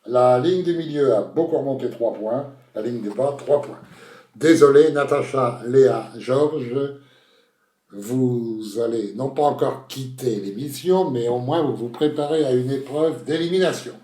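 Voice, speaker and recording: A man's voice: mid-range voice, a little slow, warm tone. A man hosting a comic quiz show in a playful announcing manner, rejecting answers with mock seriousness. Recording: roomy echo.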